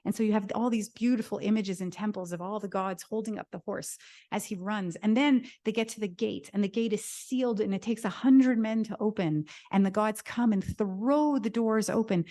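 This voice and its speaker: A woman giving a lecture, telling an ancient story in an animated, dramatic way. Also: medium pitch, normal speed. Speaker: guest lecturer.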